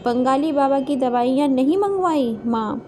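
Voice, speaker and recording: A woman's voice: high-pitched, expressive, normal speed, a little mellow. A woman voicing a concerned young adult son in a storybook tale. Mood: worried.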